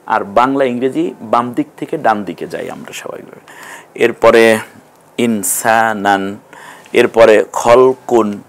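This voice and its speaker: A man teaching a televised Quran reading class, patiently explaining and slowly sounding out each syllable. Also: medium pitch. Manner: slow, drawn-out syllable-by-syllable sounding out. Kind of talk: TV classroom lesson.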